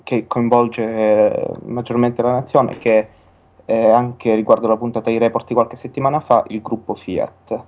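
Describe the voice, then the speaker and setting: A man calling in to a radio show over the phone, asking a question in a halting, hesitant way with many pauses and filler sounds. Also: medium pitch, little pitch movement. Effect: heard over the phone. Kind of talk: casual call-in question. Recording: dull lo-fi phone line.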